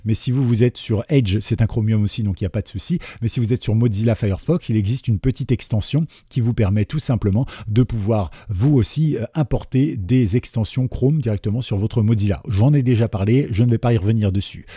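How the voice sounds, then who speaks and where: A man hosting a casual software tutorial, explaining each step in a relaxed, chatty way with frequent fillers, recorded as a voice-over on a desk microphone. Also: on the low side, fairly quick, hardly any pauses, slightly rough, dry recording, clean studio sound. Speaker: tech tutorial host.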